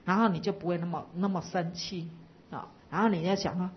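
A woman's voice: lowish voice, fairly even intonation, fairly quick, highs cut off. A woman Buddhist teacher giving a dharma talk to a live audience, explaining patiently and asking listeners to reflect.

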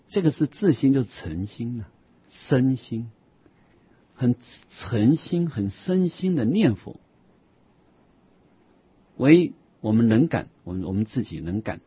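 A man giving an explanatory Buddhist lecture, repeating key phrases slowly and dropping soft asides between points. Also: medium pitch, breathy edge, dry recording. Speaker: Buddhist dharma teacher. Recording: dull lo-fi recording.

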